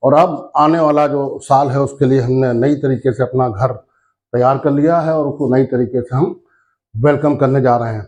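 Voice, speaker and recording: A man presenting an explainer lesson, speaking slowly and spelling out English words letter by letter, with English phrases mixed into his talk. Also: medium pitch, fairly even intonation, darkish tone. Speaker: educational video presenter. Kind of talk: explainer lesson over a map.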